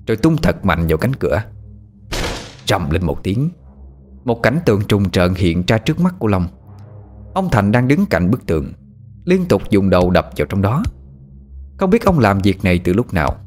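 A man's voice: lowish voice, a little mellow. A man narrating a ghost story with dramatic, suspenseful storytelling.

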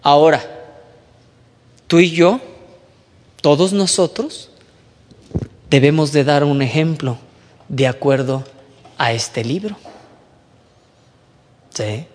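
A man preaching to a youth group, lively and conversational, mimicking whiny young voices and dropping low for emphasis. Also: takes it slowly, long pauses, big-room sound. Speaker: youth pastor. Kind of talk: sermon.

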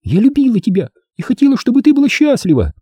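A man's voice: very high voice, very animated, quick pace, warm tone, no echo, pitched above the performer's own voice, exaggerated voice. A male reader voicing a fragile young woman with a childish voice, complaining and reproachful. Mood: plaintive. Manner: plaintive, reproachful.

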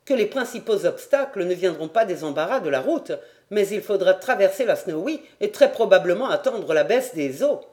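A reader voicing a firm, steady quartermaster. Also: mid-range voice, normal speed, natural voice. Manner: firm and assured. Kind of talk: audiobook character voice.

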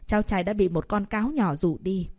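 A woman's voice: brisk, lightly acted. A woman voicing a proud old grandmother in an audiobook, scolding her grandson in a raised voice. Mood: furious scolding. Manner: scolding, shrill and loud. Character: furious old grandmother, proud family matriarch.

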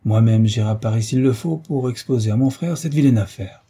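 A man's voice: medium pitch, brisk, dark tone, husky. A man voicing a gracious, teasing royal princess in an audiobook story, raised to a lighter, playful tone.

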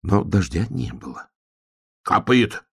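Brief: male storyteller, low voice, measured pace. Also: darkish tone. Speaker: narrator. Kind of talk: storybook narration.

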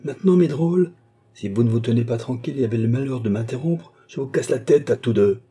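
A man's voice: fairly low pitch, a little fast, dark tone, husky. A man voicing a young nobleman who speaks coldly and imperiously. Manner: cold, imperious. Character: cold commanding young nobleman.

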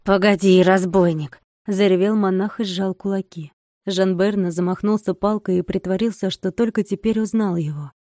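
A woman gives scripted audiobook narration in a steady, even storytelling manner, at medium pitch and normal speed. The recording is dry, with clean studio sound.

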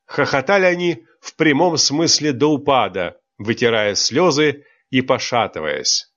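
A male audiobook narrator with a slow, deliberate pace and a lively, theatrical rise and fall. The recording is a little muffled. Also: medium pitch. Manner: expressive, theatrical reading.

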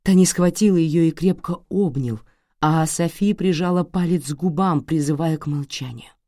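A woman narrating an audiobook in a measured, dramatic scripted reading. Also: low voice, dark tone, dry recording, clean studio sound.

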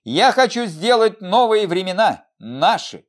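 A defiant young woman rebel speaks in a raised, lively voice, bold and mocking, as a male reader puts her on. She sounds brash and provocative, the way a storybook heroine who scorns convention would. The delivery swings up and down with energy. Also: sits high, measured pace, pitched above the performer's own voice.

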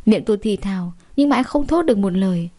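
Young woman reading a dramatic first person story, mellow dark voice. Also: medium pitch, expressive, fast.

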